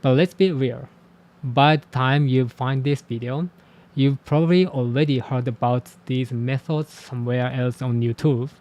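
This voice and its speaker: Here a language teacher and channel host, a man who grew up speaking Japanese, reflects on camera about how languages are learned. His mid-range voice is a little mellow, and he stays frank, modest about himself and measured.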